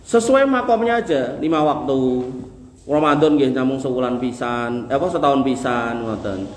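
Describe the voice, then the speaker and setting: Preaching to a congregation in a Javanese accent, this man keeps things homey and humorous, repeating phrases rhythmically to drive each point in. He speaks at a normal speed in an animated, mid-range voice. Faint noise and echo fill the room.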